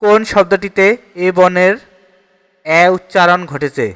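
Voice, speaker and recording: A man's voice: high-pitched, measured pace, a bit bright, clear, resonant tone, big-room sound. A man with a Bangladeshi Bengali accent teaching an exam-prep grammar lesson, steadily reading each question and repeating the answer.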